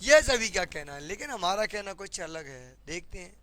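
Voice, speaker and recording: A man's voice: high-pitched, big pitch swings, normal speed, fairly bright tone. A man with a Hindi accent teaching English grammar in a classroom lesson, often repeating questions to his students.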